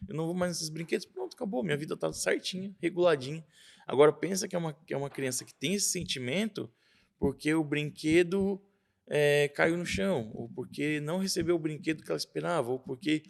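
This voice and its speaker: Gravelly-voiced father explaining earnestly. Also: on the high side, fairly quick. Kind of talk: interview.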